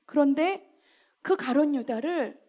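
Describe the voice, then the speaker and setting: High-voiced woman preaching animatedly. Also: slow pace. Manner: animated, acts out scolding in loud bursts. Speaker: evangelist preaching. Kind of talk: storytelling sermon.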